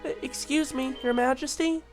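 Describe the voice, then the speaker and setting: A man voicing a flustered young castle maid who speaks in a hurried, apologetic way. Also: very high-pitched, fairly even intonation, soft background music.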